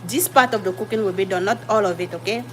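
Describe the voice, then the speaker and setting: A woman's voice: mid-range voice, fast talker, fairly bright tone, a little hiss or hum, poor audio. Chatty woman from Cameroon livestreaming her cooking. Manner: chatty, greets viewers by name, apologetic while multitasking. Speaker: livestream host. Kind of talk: casual livestream cooking chat. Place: home kitchen.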